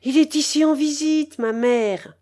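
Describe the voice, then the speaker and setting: A woman's voice: high voice, measured pace, darkish tone, pitched above the performer's own voice. A woman doing a frightened, pleading uncle. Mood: anxious pleading. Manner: anxious, pleading. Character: timid middle-aged man, frightened, pleading, kindly.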